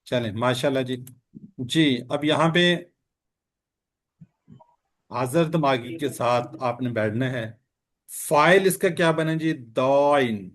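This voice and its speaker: Male teacher on a video call, steady mid-pitched voice, keeps quizzing the class patiently. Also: pauses often. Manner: patient, quizzing students with repeated questions. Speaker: Quran and Arabic grammar teacher. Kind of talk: online class lesson.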